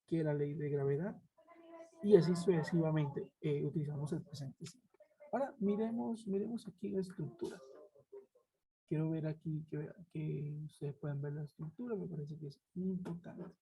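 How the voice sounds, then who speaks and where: Husky dark-voiced woman teaching online. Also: sits low, normal speed, rough recording. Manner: explaining step by step, checking with "¿sí?" and "¿cierto?". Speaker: English teacher. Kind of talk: online class lecture. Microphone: web conference headset or laptop mic.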